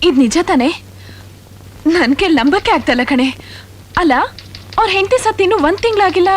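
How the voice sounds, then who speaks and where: An actress playing Janaki, a proud young single mother in a 1990s film drama, speaking in sharp, curt retorts. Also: very high-pitched, animated, moderate pace, a little hiss or hum. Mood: incredulous. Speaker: film character.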